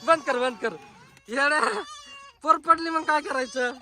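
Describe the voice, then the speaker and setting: Woman, high and bright, loud scolding rural chatter outdoors. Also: moderate pace, slight background noise. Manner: scolding, repeats commands. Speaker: village woman in a comedy sketch.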